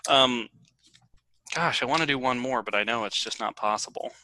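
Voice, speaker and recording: A man's voice: mid-range voice, normal speed, pushed and bright, dry recording, low-quality recording. A man co-hosting a casual podcast, jokey and self-deprecating, laughing often. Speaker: podcast co-host.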